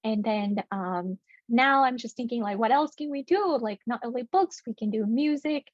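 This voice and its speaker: A woman's voice: fairly high pitch, normal speed, no room sound, lo-fi sound. A young woman from Vietnam, a native Vietnamese speaker, speaking earnestly as a children's book author on a panel, with many fillers and restarts. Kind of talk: panel discussion.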